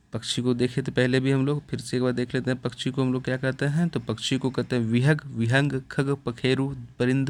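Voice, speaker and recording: A man teaching a lesson, reading out a list of words with a pause after each one. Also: medium pitch. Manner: steady listing, pausing after each word.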